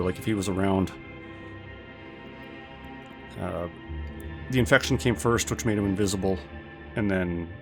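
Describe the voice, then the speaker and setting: Low gravelly guy rambling to his stream chat, bit of music behind. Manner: rambling, thinking aloud with many fillers. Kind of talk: casual post-game chat with viewers.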